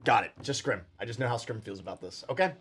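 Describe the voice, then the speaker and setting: A man's voice: mid-range voice, fast, fairly bright tone, slightly rough, faint music behind. A man playing a tabletop role-playing game, talking casually as he reasons about his character.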